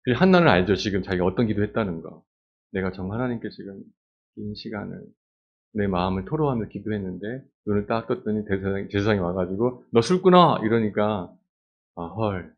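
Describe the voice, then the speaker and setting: A man preaches in a chatty, animated way and keeps asking his listeners questions. His voice sits low. The recording sounds dull and lo-fi. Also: fairly quick, creaky. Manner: conversational, animated, many rhetorical questions. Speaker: pastor. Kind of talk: sermon.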